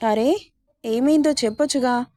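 A woman's voice: high voice, normal speed, dark tone, dry recording, clean studio sound, lightly acted. A woman voicing an affectionate young woman in a spoken romance story, in a coaxing, sweet manner.

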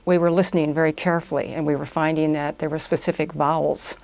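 The audio quality is poor, but the voice comes through as low, creaky, and darkish, with a level tone and a quick pace. She is an older woman, roughly in her 60s or 70s, who owns a language institute. As a guest in a small indoor podcast studio, she answers conversationally and explains things step by step.

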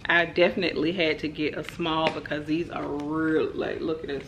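A woman's voice: deep voice, moderate pace, a little hiss or hum. A young woman, chatting casually to camera as she shows off her shopping haul. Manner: chatty, relaxed, lots of "like" and "y'all". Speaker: vlogger.

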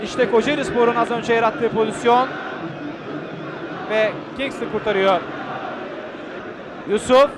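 Excited high-pitched male football commentator. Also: unhurried, pauses often. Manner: excited, shouting at goals and chances; clipped phrases, calling out player names. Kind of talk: live play-by-play match commentary. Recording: loud crowd and noise behind. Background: stadium crowd.

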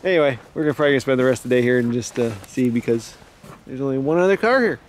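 Out by rivers and a lake, a man records a fishing vlog, talking casually, chuckling, and letting his sentences trail off. He speaks rapid-fire in an expressive mid-range voice, with a little noise in the background.

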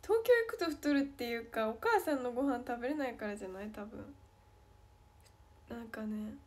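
A woman's voice: fairly high pitch, animated, moderate pace, darkish tone. A young woman with a Kansai Japanese accent, chatting playfully on a livestream as she reads fan comments aloud and answers them. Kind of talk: casual livestream chat.

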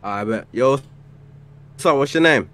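A man's voice: mid-range voice, lively intonation, slow pace, fairly bright tone. A man in his twenties from Egypt, flirting with an easy slang manner as a contestant on a dating stream. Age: 20s. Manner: laid-back slang, flirty, says "for sure" and "I bet". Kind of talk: casual flirty chat.

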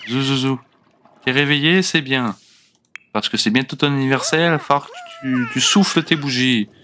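A man's voice: mid-range voice, normal speed, sharp tone, a little hiss or hum. A young man giving casual gameplay commentary as a let's play host, chatting to his game characters as he plays. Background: faint game music.

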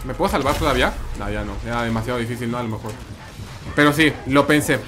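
A man's voice: mid-range voice, quick pace, over music. A man with a Mexican accent commenting live on his gameplay, chatting with viewers and repeating his phrases. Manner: chatty, repeats phrases, reads and answers chat. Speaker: streamer.

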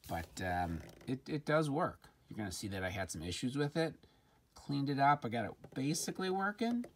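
At normal speed and in a sing-song, mid-range voice, a gadget review presenter walks through a hands-on product demo at a tabletop indoors. His delivery is casual and a little hesitant, as though he's thinking aloud, and the recording has faint background noise with handling clicks.

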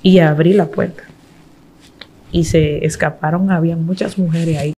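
A woman speaks as a guest in an interview. She tells her own story in an earnest, halting way, stopping to restart her sentences and acting out what others said. Her voice is dark and mellow. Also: low-pitched, fairly even intonation, slight background noise.

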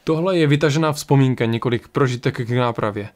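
A man voicing a calm, stern, mysterious card reader who speaks gravely and evenly. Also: medium pitch, natural voice.

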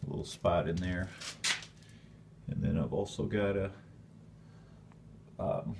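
Homeowner, male, very low voice, plainspoken, rambling tour, echoey basement. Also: slow, vocal fry, background noise. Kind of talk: casual walkthrough narration. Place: dark stone basement, indoors. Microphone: handheld phone camera.

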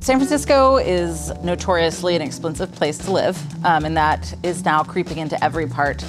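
A woman in her thirties, a food writer, chats easily in an interview with a notably low voice. Music plays clearly under her relaxed comments. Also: moderate pace.

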